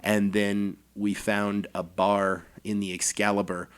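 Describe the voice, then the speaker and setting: A man's voice: fairly low pitch, takes it slowly, clean tone. A man in his forties, a podcast co-host, telling a long anecdote in casual chat. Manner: animated anecdote telling with acted quotes and laughs.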